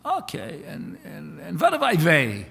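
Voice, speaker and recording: A man's voice: a little high, huge pitch swings, unhurried, gravelly, a bit bright, husky, exaggerated voice. A man voicing a chatty, lonely blind man in a joke, pleading with eager questions, in a large reverberant hall.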